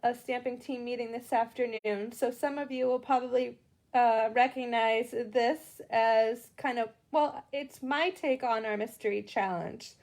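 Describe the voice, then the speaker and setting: A woman's voice: on the high side, steady tone, unhurried, a little mellow. A middle-aged woman with a Boston accent, chatting through a live card-making tutorial and greeting viewers as she works.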